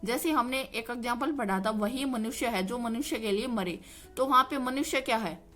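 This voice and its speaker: A woman with a fairly high voice gives a classroom-style grammar lesson. She keeps asking her own questions and answering them. Faint music plays behind her. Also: moderate pace, fairly bright tone. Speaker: Hindi grammar teacher.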